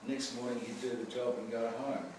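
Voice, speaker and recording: A man's voice: mid-range voice, steady tone, fairly quick. A man giving a dramatic guided tour of a prison and projecting his voice to the group. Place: echoey old stone prison. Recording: echoey, distant, noisy visitor camera.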